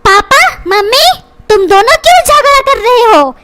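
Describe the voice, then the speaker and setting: A woman voicing a cheeky young boy in a comic cartoon who talks back to his parents in a bossy, squeaky voice. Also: animated, normal speed, very noisy. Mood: defiant. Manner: defiant, bossy. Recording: very loud music underneath.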